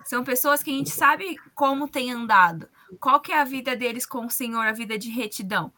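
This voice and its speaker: A woman with a Brazilian Portuguese accent speaks in a high, bright, forceful voice. She explains her points colloquially, in the manner of a conversational religious discussion. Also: brisk.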